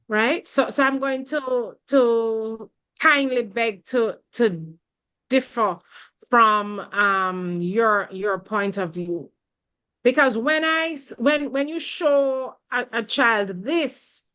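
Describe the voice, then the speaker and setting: A woman giving a webinar talk over a video call, deliberate and often repeating words as she finds her phrasing. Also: on the high side, fairly bright tone, poor audio. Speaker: guest speaker. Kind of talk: webinar talk answering a question.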